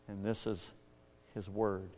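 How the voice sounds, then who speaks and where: Animated older preacher in echoey church. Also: male voice, takes it slowly, heavy background noise. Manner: animated, swings from hushed to booming. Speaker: pastor. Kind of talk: storytelling sermon.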